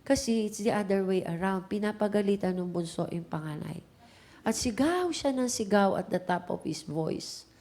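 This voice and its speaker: A woman's voice: medium pitch, moderate pace. A middle-aged Filipino woman pastor preaching a sermon, switching between Tagalog and English and acting out the voices in her stories. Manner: animated storytelling, mixes Tagalog and English, acts out voices in quotes.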